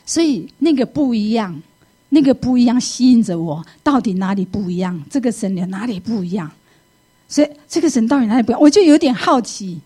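A middle-aged woman, giving a lively personal faith testimony and acting out her own past thoughts. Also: fairly high pitch, brisk, slightly rough. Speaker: church member giving testimony.

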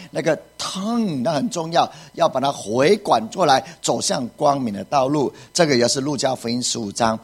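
Pastor, male, husky voice, emphatic sermon delivery with repetition. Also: mid-range voice. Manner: emphatic preaching with repeated phrases and rhetorical questions.

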